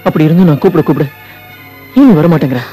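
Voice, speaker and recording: An actor dubbing a persistent young lover in a film drama, coaxing and insistent. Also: male voice, on the high side, expressive, fast, warm tone, faint music behind, natural voice.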